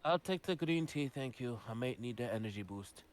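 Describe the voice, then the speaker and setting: Man, tabletop game player, casual, wry, clear voice, medium pitch. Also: animated, a little fast, no echo.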